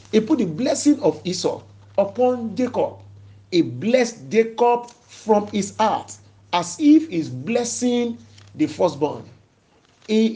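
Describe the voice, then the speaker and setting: A male preacher telling a scripture story with dramatic, repeated emphasis. His voice is high, swinging widely in pitch, with a mellow, dark tone. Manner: emphatic, repetitive, dramatic retelling. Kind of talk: sermon storytelling.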